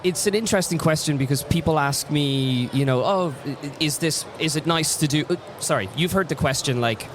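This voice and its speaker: An Irish comic artist, a man, talks as a guest in a casual interview, telling reflective stories and often restarting his sentences. His voice is fairly high and fairly quick, with hardly any pauses, and there's background noise.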